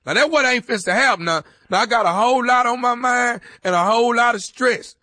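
A man puts on an agitated prison inmate making a payphone call for a prank. His voice is high and sharp, with a dry, close sound. He presses his point insistently and repeats himself. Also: fairly quick, no echo. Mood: confrontational. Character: agitated male prison inmate calling about his old girlfriend.

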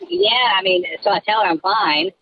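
A man's voice: high-pitched, normal speed, no echo. A man calling in to a radio show, telling an embarrassing story sheepishly while a voice changer disguises his voice over the phone. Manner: sheepish, self-conscious storytelling. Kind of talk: anonymous phone-in confession, casual storytelling. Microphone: telephone. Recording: lo-fi phone line.

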